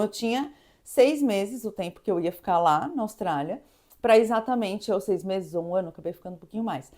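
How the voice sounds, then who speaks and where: Speaking at a medium pitch, a woman from Brazil in her thirties shares a personal story with casual animation. She laughs along the way and plays out the scenes, doing the voice of a chef who shouts.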